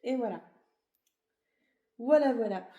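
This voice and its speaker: Slow, warm, and on the high side, her voice echoes in the room, and the audio is dull. This knitting vlogger, tired and suffering a cold, chats through a relaxed show-and-tell of her knitting, rambling and correcting herself amid many fillers.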